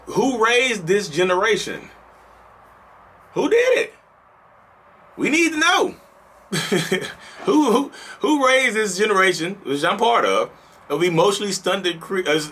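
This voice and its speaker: A man in his thirties hosts a vlog in a high, sharp, slightly rough voice. He starts off talking casually and builds into passionate, repeated rhetorical questions.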